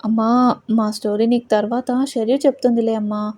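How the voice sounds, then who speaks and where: A woman's voice: fairly high pitch, steady tone, normal speed, warm tone, lightly acted. A woman voicing a cold, domineering young husband in a storybook audio drama. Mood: scheming. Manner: cold, commanding.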